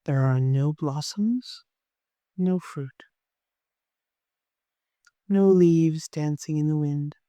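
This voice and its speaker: The guided meditation is led by someone whose sex can't be determined, using a mid-range voice that carries no room sound. Delivery is gentle, soft and unhurried, with lengthy pauses throughout.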